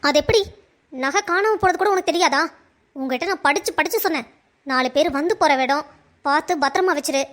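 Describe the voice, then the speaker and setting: A woman's voice: high voice, fairly quick, pauses often, fairly bright tone. A woman voicing a proud, scolding mother-in-law in a cartoon, lecturing sharply. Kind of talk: cartoon voice acting.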